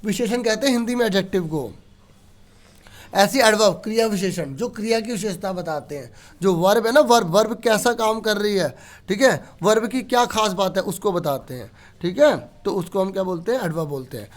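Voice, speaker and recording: A man's voice: high voice, expressive, fairly quick. A male teacher explaining grammar to pupils, asking questions and answering them himself. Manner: explains patiently, asks and answers his own questions. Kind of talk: online grammar lesson.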